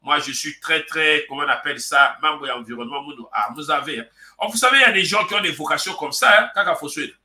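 Male morning host, slightly high and sharp, playful banter, roomy sound. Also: quick pace. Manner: animated, teasing, mixes French with local words. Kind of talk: casual radio chat.

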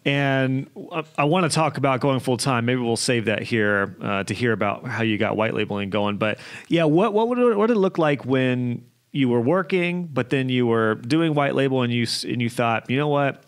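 An upbeat young man hosts a casual podcast interview from a small home studio. He speaks at a mid pitch into a studio microphone, chatty and friendly in tone. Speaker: podcast host. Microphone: podcast mic on arm.

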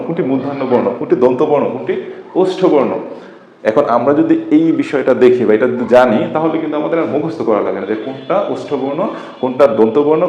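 A man's voice: a little high, darkish tone. A man teaching a class-style lesson, who keeps asking rhetorical questions, answers them himself and repeats the key terms. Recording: echoey room, dull lo-fi sound.

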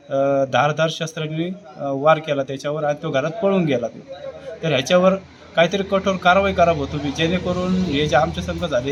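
Agitated man pleading for action. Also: a little high. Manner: agitated, pleading, hesitant with fillers. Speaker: witness speaking to reporter. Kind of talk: emotional street interview statement.

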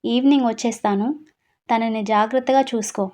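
A woman's voice: on the high side, steady tone, brisk, dark tone, close to an everyday voice. A woman voicing a playful, bossy young husband who teases and scolds his wife in a read-aloud story. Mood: teasing. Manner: teasing, scolding.

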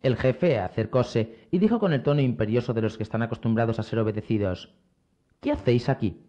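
A man narrating an adventure novel as an audiobook reader, with expressive storytelling delivery. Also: mid-range voice, quick pace, muffled recording. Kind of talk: scripted narration.

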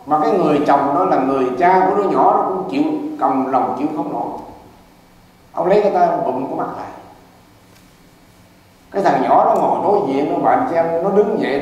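Tearful preacher in echoing hall. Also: male voice, fairly high pitch, a little fast, darkish tone, muffled recording. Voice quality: tearful, heartfelt. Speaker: pastor. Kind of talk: emotional sermon storytelling. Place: church hall. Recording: echoey church hall from far off.

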